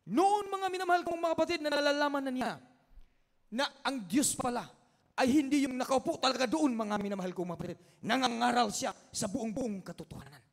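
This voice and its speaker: Man, preacher, very high voice, impassioned sermon, repetitive refrain, loud-to-hushed swings, long church-hall reverb. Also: brisk, creaky.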